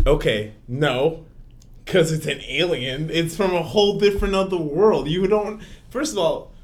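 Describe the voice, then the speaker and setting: A man's voice: a little high, unhurried, darkish tone. A man co-hosting a podcast, arguing a comedic debate in a rambling, laughing way. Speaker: podcast co-host.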